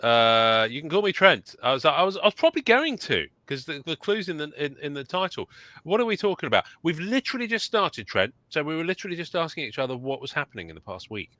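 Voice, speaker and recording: Very animated and fast-talking, an English man co-hosts a live podcast with a high-sitting, sharp-toned voice. He's chatty and full of jokes in the casual live-stream talk, though slightly throaty from a cold he's getting over. No room sound is audible.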